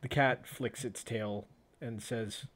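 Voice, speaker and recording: A man running a tabletop role-playing game as game master, narrating scenes with pauses and restarts. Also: medium pitch, steady tone, fairly bright tone.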